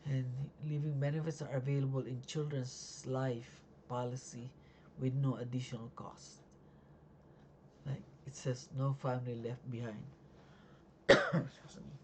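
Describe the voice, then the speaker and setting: With a flat delivery and a raspy, sleepy mid-range voice, a life insurance agent who is still learning explains policies in a casual nighttime home video. Speech is halting, with many fillers and restarts, and there's slight background noise.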